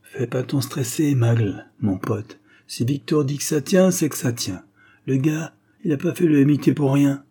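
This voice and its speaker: Man putting on a slangy joking young guy, husky, dark. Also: mid-range voice, normal speed, voice pushed up, lightly acted. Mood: teasing. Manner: streetwise slang, teasing.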